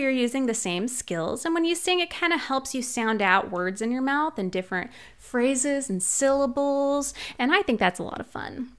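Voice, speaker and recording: Her voice is high-pitched with a sharp tone as this young librarian cheerfully sing-songs her way through a children's storytime of songs and read-aloud. She's in a small room at home, speaking into a large studio mic on a boom arm, with ukulele in the background.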